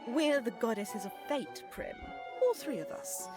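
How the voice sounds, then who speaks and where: An actress voicing an airy, new-age goddess of fate in a video game, gushing and calling everyone darling. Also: female voice, on the high side, very animated, a little slow. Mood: breezy, dreamy. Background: game music.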